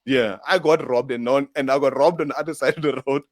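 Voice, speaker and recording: A man's voice: mid-range voice, steady tone, quick pace, no room sound, clean studio sound. A man with a Durban South African accent hosting a casual chat, laid-back and laughing along, speaking to viewers. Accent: South African English, Durban. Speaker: host.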